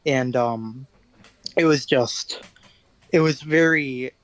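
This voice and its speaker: A man's voice: mid-range voice, slow, no room sound. A teenage boy, guest musician in an interview, telling rambling self-deprecating stories in casual chat. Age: teens.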